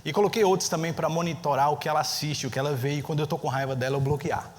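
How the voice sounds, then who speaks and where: Pastor preaching in a reverberant church. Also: male voice, on the high side, racing. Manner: lively storytelling, acts out the voices of people he quotes. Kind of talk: sermon. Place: church sanctuary. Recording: long church reverb, faint ambient noise.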